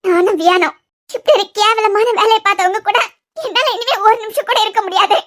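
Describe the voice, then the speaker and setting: A voice actor playing a hurt but resolute young wife in a cartoon serial, with a Kanyakumari Tamil accent, pleading yet firm. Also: a little fast. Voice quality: very high, bright voice.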